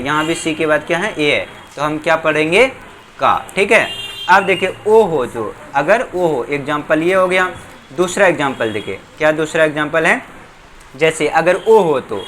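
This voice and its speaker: A man's voice: fairly high pitch, sharp tone, slight background noise. A man teaching English spelling and pronunciation, asking questions and answering them himself, repeating each word several times. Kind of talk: board lesson explaining English spelling.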